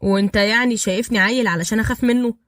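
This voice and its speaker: A tough, fearless mafia smuggler voiced by a woman speaks in Egyptian Arabic, cool, blunt and defiant. The lines come very quickly in a dry, close storybook reading. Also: a little high, steady tone, a bit bright, no room sound, natural voice.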